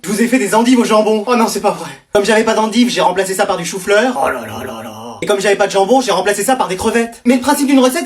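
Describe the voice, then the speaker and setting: Man acting out quick comedy sketches. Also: high voice. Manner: quick playful bickering dialogue.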